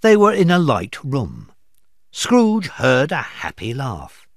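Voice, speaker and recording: A man, an English teacher, reading a storybook aloud slowly and expressively for learners. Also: medium pitch, huge pitch swings, vocal fry, no echo, clean studio sound.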